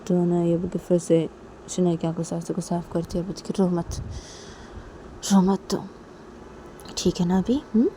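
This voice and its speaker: A patient elder sister who coaxes her weeping sibling with the same soft phrases over and over, as a woman puts her on. The voice sits low and mellow in a storybook telling, with a faint hum of traffic behind. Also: steady tone, normal speed, pauses often, close to an everyday voice. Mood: soothing. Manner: soothing, coaxing, repeats herself. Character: gentle elder sister consoling younger sister.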